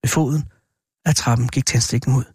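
A man narrating a horror tale as an audiobook, in a measured, deliberate way. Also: medium pitch, steady tone, a little mellow, slightly rough, dry recording, studio quality.

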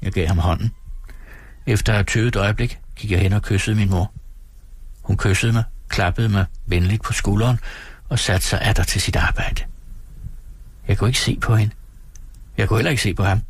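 A man who hosts a late-night radio show, reading a classic novel aloud in a calm, measured way from a radio studio. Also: lowish voice, breathy edge, no room sound. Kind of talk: read-aloud literary narration.

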